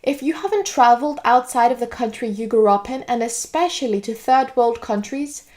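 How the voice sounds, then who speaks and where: A Greek woman who comments on politics in videos reads a scripted monologue to camera in an earnest, lecturing way. Her voice sits a little high and has a darkish tone, and she speaks at a normal speed.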